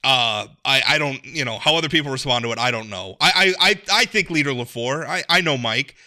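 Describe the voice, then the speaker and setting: Male commentator, casual political chat, very bright forceful tone, emphatic delivery. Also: mid-range voice, animated, a little fast.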